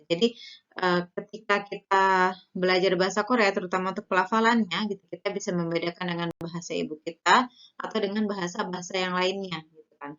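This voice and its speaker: A woman lecturer with an Indonesian accent giving a relaxed online lesson, full of fillers and tag questions. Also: on the low side, highs cut off. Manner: relaxed, conversational, many fillers and "gitu kan" tags. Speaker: university lecturer.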